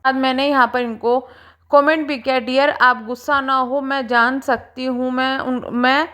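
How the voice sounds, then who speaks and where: A woman's voice: sits high, little pitch movement, normal speed, pushed and bright. A young woman vlogger talking to her viewers, defending herself in a defensive, emphatic, repetitive way. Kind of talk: clarification vlog to viewers.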